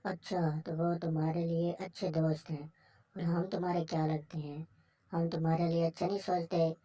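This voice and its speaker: A woman's voice: fairly low pitch, little pitch movement, warm tone, far from the mic, highs cut off, close to an everyday voice. A woman voicing a stern, sarcastic parent in a cartoon story. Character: stern parent threatening boarding school. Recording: voice set back from the mic.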